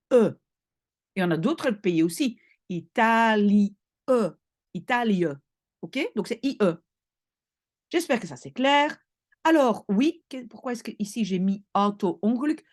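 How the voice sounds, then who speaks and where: A woman teaches a language lesson in a slightly husky, breathy voice. Her pitch moves a lot as she stresses key points. She explains step by step and keeps checking that her students follow. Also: a little mellow. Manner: patient, checks in often with short questions. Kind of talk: explaining spelling rules in a recorded lesson.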